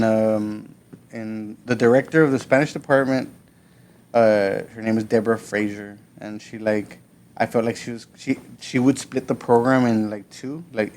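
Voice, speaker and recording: A man in his thirties from South Texas, a podcast guest telling his story in a relaxed, rambling way with lots of fillers. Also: mid-range voice. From South Texas, USA. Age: 30s. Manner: relaxed, laid-back, many fillers and restarts. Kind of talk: casual conversational storytelling.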